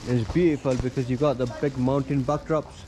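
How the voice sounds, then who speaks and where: A man's voice: medium pitch, steady tone, fairly quick, a crowd in the background. A man giving casual running commentary as a travel vlogger on a motorbike tour. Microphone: action camera. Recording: noisy outdoor motorbike action-camera audio.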